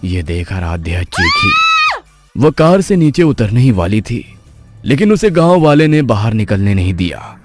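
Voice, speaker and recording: A man narrating an animated horror story in a hushed, suspenseful way. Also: medium pitch, measured pace, over music.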